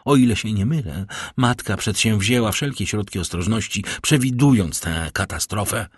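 A man's voice: lowish voice, normal speed, breathy edge, dry recording, clean studio sound. A man voicing a proud, scornful young woman who defies her father, in an audiobook reading. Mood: haughty defiance. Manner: cold, haughty, defiant.

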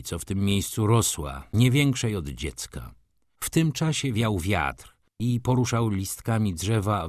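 A man with a fairly low voice reads a classic novel aloud, measured and dramatic. He moves between hushed passages and intense ones. The sound is dry and close. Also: no echo. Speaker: audiobook narrator. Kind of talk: dramatic literary reading.

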